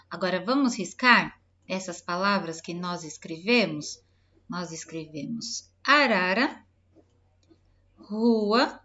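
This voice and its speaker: A Brazilian woman teacher giving a recorded lesson to young pupils, drawing out each word slowly as she dictates. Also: mid-range voice, bright, forceful tone, dull audio. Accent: Brazilian Portuguese. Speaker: primary school teacher. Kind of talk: recorded remote lesson for children.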